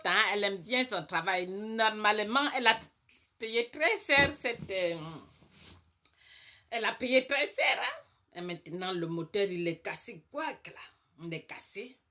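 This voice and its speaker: Animated woman ranting with emphatic asides. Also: medium pitch. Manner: emphatic, chatty, peppered with "hein" and "quoi"; repeats herself for emphasis. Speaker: comic monologue persona. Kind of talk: comic rant to camera.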